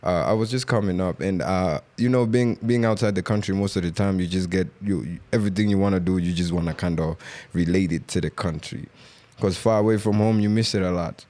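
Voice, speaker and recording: A man's voice: low-pitched, a little fast, darkish tone. A man talking casually as an interview guest, searching for his words. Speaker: musician, podcast guest. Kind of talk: casual chat.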